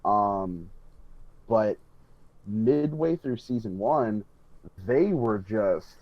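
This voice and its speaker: A man with a fairly low, animated voice talks very slowly as a podcast panelist, rambling and rephrasing through a casual chat about a hobby. The recording is a dull, close, dry lo-fi voice track with no room sound.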